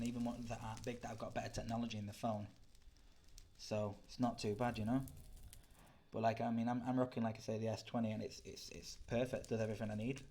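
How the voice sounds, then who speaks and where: A man's voice: mid-range voice, a little mellow. A young British man chatting casually while gaming live, rambling and answering viewer chat. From Britain. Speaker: livestreamer.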